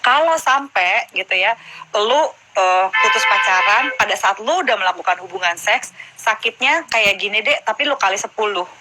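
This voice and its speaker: A woman's voice: mid-range voice, lively intonation, normal speed, heavy background noise. A woman, a guest in a casual live stream chat, explaining frankly and acting out conversations with her daughter. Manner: frank, explanatory, acts out dialogue. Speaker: guest, mother of a teenage daughter.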